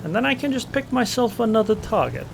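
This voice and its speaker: This man has a high, gravelly voice with big pitch swings and a quick pace, plus a little hiss or hum. As a gameplay commentator whose first language is Estonian, he gives casual live commentary on a naval battle game, thinking aloud and muttering plans and reactions over game engine and gunfire sounds.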